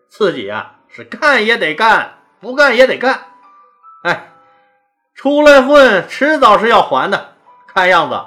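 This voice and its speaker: Lively woman storyteller, bright voice. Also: on the high side. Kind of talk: history storytelling.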